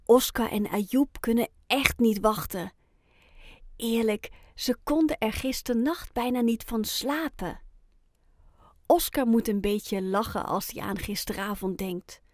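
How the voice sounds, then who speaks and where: A woman reading a children's storybook aloud, with gentle, lively storytelling and clear phrasing. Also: fairly high pitch, unhurried, no echo, studio quality. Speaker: audiobook reader.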